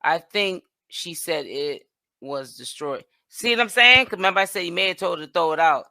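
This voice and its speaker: Chatty woman with a bright voice. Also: on the low side, animated, moderate pace, dry recording. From Boston, Massachusetts. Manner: chatty, reads comments aloud, trails off and restarts. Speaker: host of a livestream commentary channel. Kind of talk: casual chat reading viewer comments.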